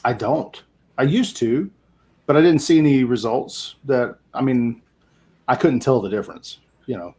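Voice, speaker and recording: Rambling, soft-spoken male guest. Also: medium pitch, normal speed. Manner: rambling, trails off softly, laughs often. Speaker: guest, small business owner. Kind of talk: casual interview chat.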